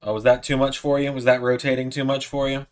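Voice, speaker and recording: A streamer in his twenties talks fast in a medium-pitched voice with little rise or fall, chatting casually on a livestream. He coaxes his cat in a sing-song tone.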